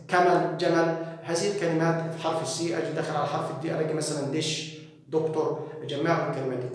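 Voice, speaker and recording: Fast, high-voiced Egyptian man teaching. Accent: Egyptian Arabic. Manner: repeats each word, then explains it. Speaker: English teacher. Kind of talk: spoken English vocabulary lesson for parents. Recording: echoey hall from far off.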